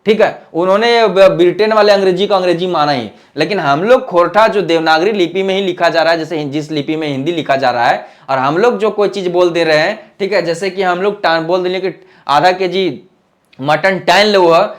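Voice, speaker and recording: High-pitched man teaching. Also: brisk, hardly any pauses. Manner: conversational, slips into local dialect for examples; checks in often with the class. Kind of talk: exam-prep lecture.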